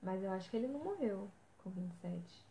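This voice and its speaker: A woman's voice: medium pitch, lively intonation, a little fast, warm tone. A young woman co-hosting a podcast, chatting casually and exclaiming often. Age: young adult. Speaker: podcast co-host. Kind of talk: casual chat. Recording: echoey room, faint background noise.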